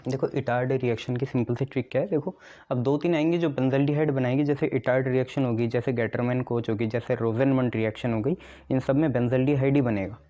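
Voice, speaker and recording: A man's voice: medium pitch, steady tone, quick pace, mellow. A male chemistry teacher giving a lesson and building memory tricks step by step, often asking his own questions and answering them. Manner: explains step by step, often checks "ठीक है". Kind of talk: classroom lecture with memory tricks. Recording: dull lo-fi recording.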